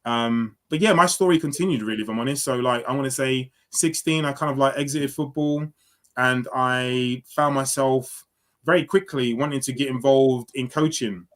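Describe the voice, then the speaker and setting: Man, from London, thirties, reflective interview guest, casual, restarts sentences, mid pitch. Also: moderate pace, a bit bright. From London, England. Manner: reflective, many fillers and restarts. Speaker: football guest.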